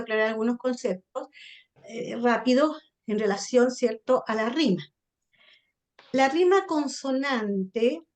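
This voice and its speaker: A Chilean woman leads a sonnet workshop over a video call. Her voice sits a little high. She explains step by step and keeps checking that her students are following. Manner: checks in often with "¿ya?" and "¿cierto?". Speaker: literature teacher leading a sonnet workshop. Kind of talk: online class explanation.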